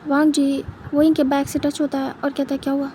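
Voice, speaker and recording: A woman narrating a fan fiction story in a steady, plain retelling. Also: sits high, brisk, slight background noise. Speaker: fanfiction narrator.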